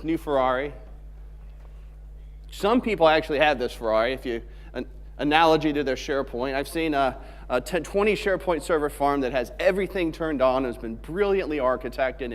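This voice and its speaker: Speaking fairly quickly with an animated, medium-pitched voice, this Alabama conference speaker jokes his way through a technical talk. He stands on the stage of a large conference hall. Long hall reverb colors his stage microphone.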